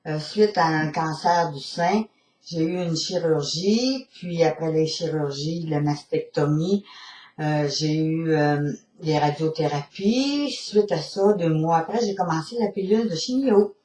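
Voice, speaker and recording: A woman from Quebec with a Québécois French accent gives a hesitant, filler-filled spoken testimonial, recorded from a distance in a roomy space. Her voice is deep, unhurried and a little mellow.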